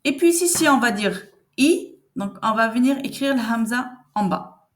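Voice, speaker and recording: A woman teaching reading in a patient, conversational way, repeating sounds and syllables slowly and answering the questions she expects from learners. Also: fairly high pitch, animated. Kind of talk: step-by-step reading lesson.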